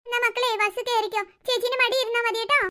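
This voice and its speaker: A woman's voice: extremely high pitch, flat delivery, quick pace, bright, forceful tone. A woman voicing a fussy cartoon mother of three who scolds and coaxes her children. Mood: coaxing. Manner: scolding, nagging, coaxing. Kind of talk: cartoon voice acting.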